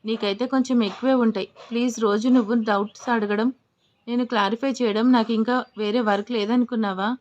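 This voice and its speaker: A woman's voice: fairly high pitch, fairly even intonation, fast talker, darkish tone, muffled recording, lightly acted. A woman voicing a young husband in an audio story, teasing in banter and stern when he lectures.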